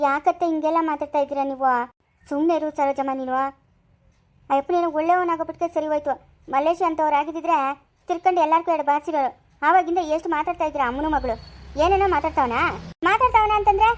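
A woman playing a shrill, quarrelsome village wife. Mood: arguing. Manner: scolding, complaining rapid speech. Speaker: family skit actor. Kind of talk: village family drama acting.

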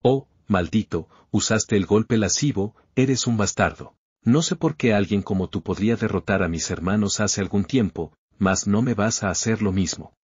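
A man's voice: fairly low pitch, normal speed, darkish tone, slightly rough, dry recording, highs cut off. A man voicing an arrogant male thug in a manhwa recap, speaking in a taunting, sneering way.

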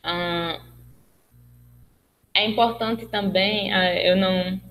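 A woman's voice: mid-range voice, fairly even intonation, drawn-out words, a bit bright, low-quality recording. A Brazilian woman with a Brazilian Portuguese accent giving a webinar lecture, explaining step by step with fillers and restarts. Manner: explanatory, with many fillers and restarts, acting out example phrases. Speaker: speech therapist lecturer.

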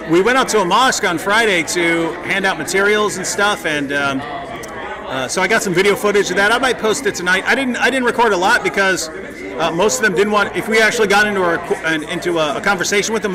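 A man in his forties hosting a casual livestream from a church hall, reading viewer comments to a webcam held close. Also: high-pitched. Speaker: livestream host. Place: large church hall indoors. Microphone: webcam at arm's length. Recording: crowd chatter behind. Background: chattering crowd.

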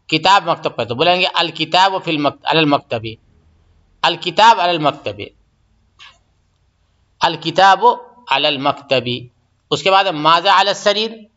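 Male teacher, fairly high and bright voice, slow and patient, repeats every phrase; dull lo-fi recording. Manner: patient, repeats each phrase and explains step by step. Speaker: Arabic teacher. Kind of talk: recorded grammar lesson.

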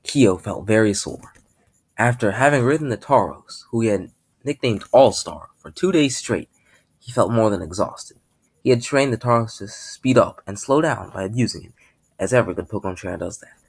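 A man's voice: on the low side, animated, moderate pace, gravelly, slightly rough. A man casually reading aloud his own story, in an offhand manner with frequent restarts.

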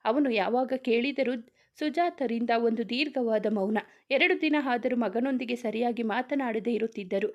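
Woman storyteller, steady scripted narration, slightly high voice. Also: normal speed, highs cut off. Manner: steady, even reading.

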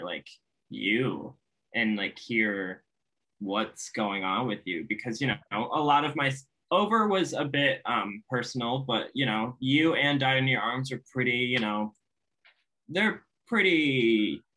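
A man with a bright, forward voice talks as an interview guest. He speaks softly and reflectively, laughing often between his thoughts. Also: mid-range voice, rough recording. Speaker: guest, singer and YouTuber. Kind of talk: casual interview chat.

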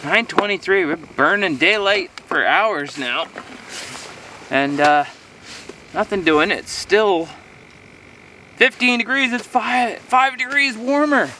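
A man's voice: high-pitched, slow, pauses often, pushed and bright, recorded from a distance, a little hiss or hum. Rambling man vlogging outdoors in winter. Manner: rambling, easygoing, talking to himself while eating. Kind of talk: casual solo vlog. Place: outdoors on a frozen lakeshore in winter. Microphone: camera on a tripod a few metres away.

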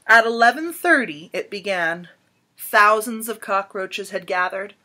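In a small room at home, a woman in her thirties with a mid-range voice reads a children's picture book aloud. She tells it expressively and dramatically, using emphatic pauses like a true storybook reader.

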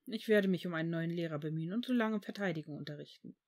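A reader voicing an old male headmaster in a fan fiction audiobook, measured and calm, turning stern. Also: medium pitch, close to an everyday voice.

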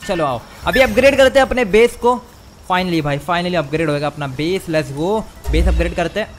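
An excitable young man narrates his gameplay as a streamer in a high, bright-pitched voice. He repeats words in rapid bursts and mixes English into his Hindi. Faint game music plays underneath. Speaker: gaming streamer. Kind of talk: live gameplay commentary.

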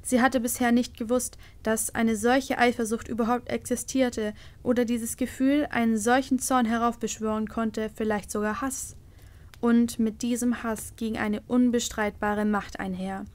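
A woman's voice: a little high, normal speed. Woman reading a storybook aloud. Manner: calm, expressive storytelling. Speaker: audiobook reader. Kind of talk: storybook narration.

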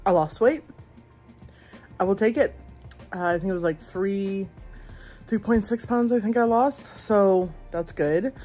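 A woman around her thirties talking in a casual, halting, informal way, as a vlogger. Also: mid-range voice, mellow, soft background music. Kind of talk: casual vlog chat.

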